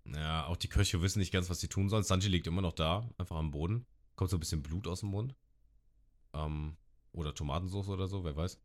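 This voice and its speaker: A man's voice: deep voice, fairly quick. A man on a podcast, casually retelling an anime episode and acting out the characters' lines. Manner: lively retelling, acting out quotes with shouts.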